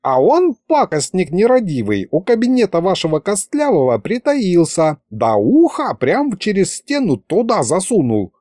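A man voicing an excitable ancient male wizard who rambles in a high, folksy chatter. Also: moderate pace, few pauses, no room sound, clean studio sound. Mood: alarmed chatter.

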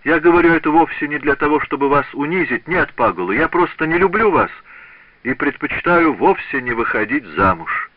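A man's voice: a little high, expressive, brisk, no echo, muffled recording, pitched above the performer's own voice. A man doing a merry, teasing young woman. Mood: proud. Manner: laughing, teasing speech.

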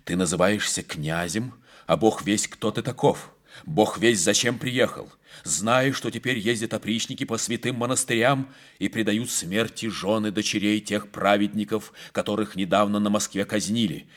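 A man's voice: fairly low pitch, normal speed, fairly bright tone, close to an everyday voice. A man voicing an older abbess of a convent, speaking solemnly and devoutly in an audiobook. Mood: suspicious. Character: stern, fearful older abbess woman.

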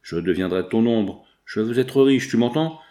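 A man's voice: on the low side, animated, moderate pace, warm tone, close to an everyday voice. A man voicing a delirious young woman thief who shrills her accusations in an audiobook reading. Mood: frenzied accusing.

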